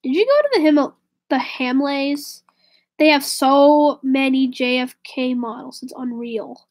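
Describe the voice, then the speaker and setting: Chatting with her live stream viewers, this woman speaks high but a little slowly, with a darkish tone and a cold-induced rasp and stuffy nose. Her talk wanders, she keeps correcting herself, and at times she trails off to a whisper.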